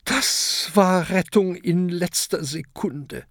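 A reader voicing a small male dragon who has just been saved, croaky and short of breath, in a children's audiobook. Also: medium pitch, slow, no echo, studio quality, pitched above the performer's own voice. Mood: relieved. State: hoarse, out of breath. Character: hoarse little male dragon, gentle. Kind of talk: audiobook narration.

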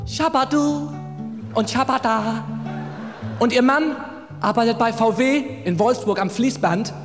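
Very high-voiced man doing stand-up. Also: measured pace, in a large hall, soft background music. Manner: mocking, playful storytelling. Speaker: comedian. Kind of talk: stand-up comedy.

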